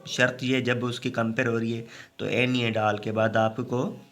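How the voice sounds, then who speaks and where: A man teaches a grammar class in a voice of middling pitch. He walks through each rule patiently, pauses to check with his students, and slows right down whenever he reads out an example sentence. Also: little pitch movement, a bit bright. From Pakistan. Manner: explains step by step, often adds a checking "okay".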